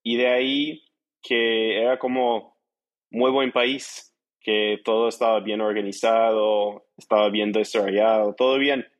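A startup entrepreneur from the United States, about thirty and a native English speaker, shares his story informally during an interview. His Spanish has small grammatical slips and an American accent, and his low-leaning male voice is fairly even in intonation and a little slow.

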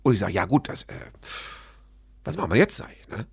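A man casually telling a story to his listeners, animated and self-deprecating, acting out both sides of the dialogue. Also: on the low side, brisk, creaky, slightly rough, dry recording.

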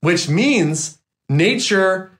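A man, a trauma therapist and guest, talking in a casual, animated and emphatic way, swearing freely. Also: high-pitched, extremely slow. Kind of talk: casual interview chat.

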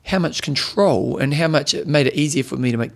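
A man's voice: a little high, fairly quick, creaky. A man with a broad New Zealand accent co-hosting a casual sports chat show, talking in matey, colloquial slang. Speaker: podcast host.

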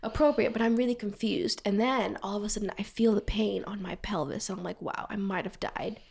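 A young woman chatting casually, telling a story in an animated way with frequent laughs and lots of "like". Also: medium pitch, a little fast, creaky.

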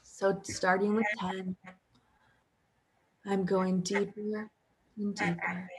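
A woman guiding a hypnosis session as a hypnotherapist, speaking softly and soothingly in repetitive phrases. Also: medium pitch, flat delivery, slow, slight background noise.

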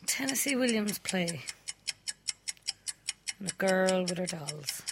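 A woman with a west of Ireland accent chats casually as a quiz contestant. Her voice sits at an average pitch, and there is clear noise behind it. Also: expressive, slow pace. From County Mayo, west of Ireland. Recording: noticeable background noise.

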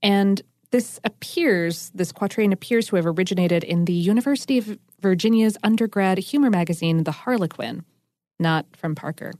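A woman's voice: medium pitch, normal speed, dark tone, no echo. This is a woman co-hosting a food podcast, chatty and enthusiastic, wandering into asides as she explains. Her voice sits mid-range and is recorded dry and close. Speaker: podcast co-host. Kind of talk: casual chat explaining food science.

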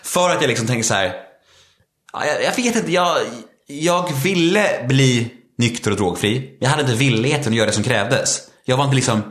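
A man's voice: mid-range voice, fairly bright tone, reverberant. A man in his thirties candidly telling his life story, with lots of restarts and fillers. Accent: Swedish. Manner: repetitive restarts, frequent filler "liksom". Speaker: podcast guest.

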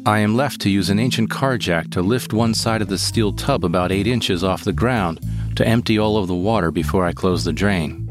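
A man reading a first-person story in a calm, measured way. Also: low-pitched. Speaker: narrator. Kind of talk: scripted first-person narration. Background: guitar music.

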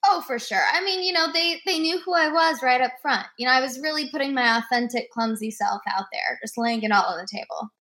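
Animated young woman telling stories. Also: sits high, a little fast, few pauses. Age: 20s. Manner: animated storyteller, acts out quoted dialogue. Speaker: guest actress. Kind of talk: remote interview chat.

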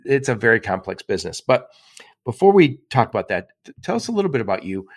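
A man's voice: medium pitch, very animated, quick pace. A male podcast host asking direct, curious questions in a conversational way. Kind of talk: interview questions.

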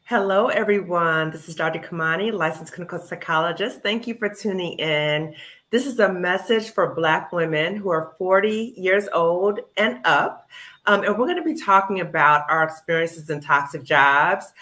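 A woman in her fifties with a bright, forward voice hosts a casual podcast conversation. She talks in a chatty, animated way, full of ums and quick asides. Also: fairly low pitch. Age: 50s. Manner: chatty, animated, with many fillers. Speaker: clinical psychologist, podcast host.

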